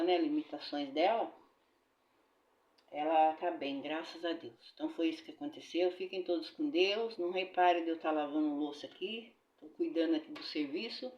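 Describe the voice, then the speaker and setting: This middle-aged Brazilian woman, still recovering from a bad flu, vlogs casually while washing up in her kitchen, her voice sitting low. Speaking Brazilian Portuguese, she chats away, calls viewers "gente" and gives religious blessings. The sound is roomy, dull and noisy.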